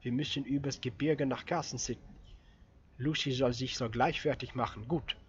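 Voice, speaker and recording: A man voicing a determined young hunter with a hoarse voice who speaks urgently, as he reads a story aloud. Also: medium pitch, fairly even intonation, moderate pace, highs cut off, a little hiss or hum, lightly acted.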